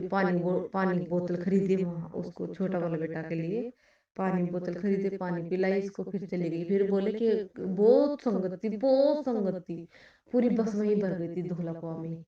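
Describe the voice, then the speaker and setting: A woman's voice: on the low side, level tone, normal speed, highs cut off. Woman telling a story in a far-off echoey hall. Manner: rambling storytelling with restarts and quoted dialogue. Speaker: devotee sharing a testimony. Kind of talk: spoken testimony to a congregation. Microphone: far from the microphone.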